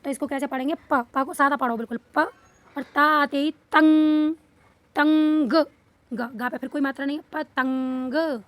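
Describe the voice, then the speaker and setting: A woman teaching small children to read, patiently repeating questions and stretching out sounds slowly. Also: high-pitched, steady tone, bright, forceful tone, no echo. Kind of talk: Hindi reading lesson for children.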